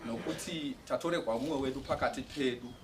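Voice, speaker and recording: A man giving a church testimony, speaking haltingly and with feeling, often restarting words. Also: mid-range voice. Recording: distant mic with faint outdoor noise.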